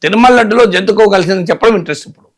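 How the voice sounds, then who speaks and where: A man's voice: high-pitched, rapid-fire. A man giving political commentary, emphatic and full of rhetorical questions. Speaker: political analyst.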